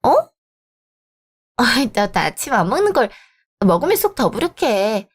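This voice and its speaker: A woman's voice: a little high, sing-song, measured pace, husky, exaggerated voice. A woman voicing a spoiled, sulky young sister-in-law who whines childishly. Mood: whiny.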